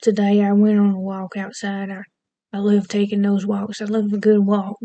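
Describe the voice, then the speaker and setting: A woman doing a slow Southern drawl. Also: mid-range voice, monotone, dark tone, muffled recording, natural voice. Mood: relaxed. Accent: Southern US (put on).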